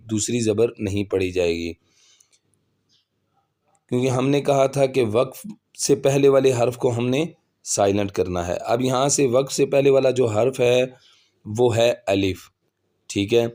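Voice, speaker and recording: A man teaching Quran recitation, slowly spelling out syllables letter by letter and then explaining the rules in a brisker voice. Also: mid-range voice, mellow. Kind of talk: slow spelled-out recitation lesson.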